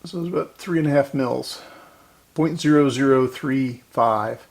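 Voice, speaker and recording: Unhurried and gravelly, with a medium pitch, a radio repair channel host talks through his work in an offhand way. He thinks aloud while repairing and frequently corrects himself.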